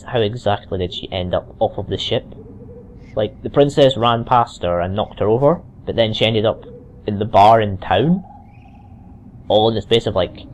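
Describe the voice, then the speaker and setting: A man with a mild Scottish accent rambling through casual gameplay commentary, full of restarts and asides, on a cheap microphone. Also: on the low side. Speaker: let's play commentator.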